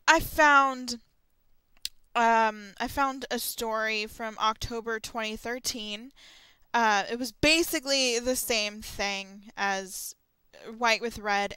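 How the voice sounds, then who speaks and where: This vlogger, a young adult woman, rambles casually and a little hesitantly through horror stories in her solo audio log. Her pitch is fairly high and her tone sharp and clean, with no room sound.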